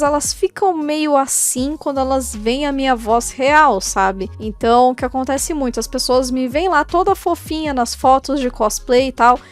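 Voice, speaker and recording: A woman in her twenties talking to the camera in a casual, candid, chatty vlog. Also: sits high. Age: 20s. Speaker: YouTuber and cosplayer.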